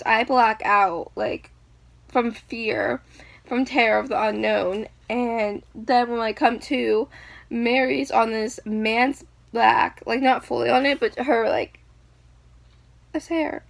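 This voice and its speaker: A young woman vlogger with a fairly high, gravelly voice and no echo tells stories casually, rambling with many fillers. She is animated, acting out what people said, including quoted screams.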